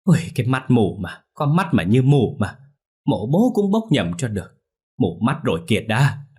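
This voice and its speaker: A man's voice: mid-range voice, very animated, normal speed, darkish tone, slightly rough, pitched above the performer's own voice. A man voicing a middle-aged son who wails and blames himself. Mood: anguished. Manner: wailing, self-blaming. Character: remorseful middle-aged son, self-reproaching.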